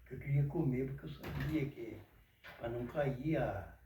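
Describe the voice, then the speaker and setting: An older man recounts his story in a relaxed, mellow voice, devout and folksy in his exclamations. He sounds distant from the mic, in a room with a lot of echo. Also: medium pitch, moderate pace, slight background noise. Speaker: interviewee. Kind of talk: casual storytelling. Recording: echoey room from far off.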